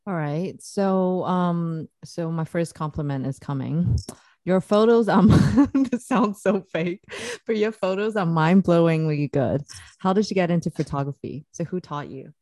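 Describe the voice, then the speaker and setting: A woman's voice: on the low side, measured pace, warm tone, no room sound. A woman hosting a podcast in a teasing, casual way, often laughing. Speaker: podcast host.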